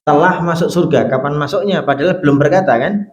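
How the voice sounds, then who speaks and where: A man with a Javanese Indonesian accent preaching a mosque sermon. He talks animatedly, jumping high for questions and dropping soft and low for hushed examples. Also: fairly quick, dull audio. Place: mosque hall. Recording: echoey mosque hall.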